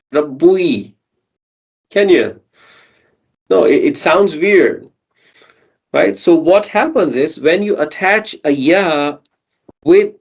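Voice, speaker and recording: Slow-talking man teaching Arabic grammar. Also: fairly high pitch, darkish tone, dull audio. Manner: patient, often asks students questions and checks with "okay?". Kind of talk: online grammar lesson.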